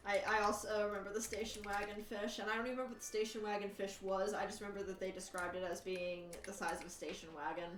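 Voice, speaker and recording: A woman with a mid-pitched voice gives casual live commentary on her game. She thinks aloud and addresses viewers with understated, dry wit. The sound is roomy and a little distant from the mic. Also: level tone, fast talker, few pauses, a bit bright. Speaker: livestreamer hosting a charity gaming stream. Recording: roomy echo, off-mic, faint background noise.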